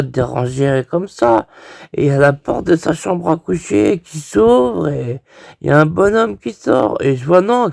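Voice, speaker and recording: A man's voice: on the high side, vocal fry, darkish tone, dry recording, studio quality. A man telling a crude comic story off the cuff, rambling, full of restarts and hesitations. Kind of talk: improvised crude comic monologue.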